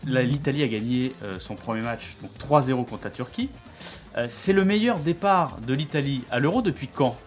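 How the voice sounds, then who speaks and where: A man's voice: mid-range voice, animated, normal speed, faint music behind. A man hosting a casual sports podcast, introducing guests with teasing jokes and lots of fillers. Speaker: podcast host.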